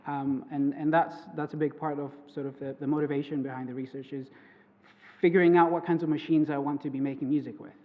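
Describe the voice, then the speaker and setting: A young Greek-speaking PhD student presents his research at an academic conference, hesitant and full of fillers and restarts, talking fast in a flat delivery. His voice is fairly high for a man, and the thin, phone-like audio carries a long reverb off the lecture hall walls.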